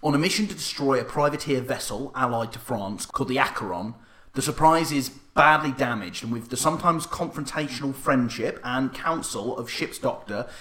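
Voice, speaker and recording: With a medium-pitched, slightly bright voice, a podcast host chats casually about films, his humor dry and self-deprecating. The recording carries an echoey room sound.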